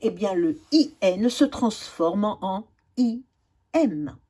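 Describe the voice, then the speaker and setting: A woman's voice: mid-range voice, lively intonation, slow pace, mellow, husky. A woman teaching a children's spelling lesson, spelling out letters and drawing words out carefully.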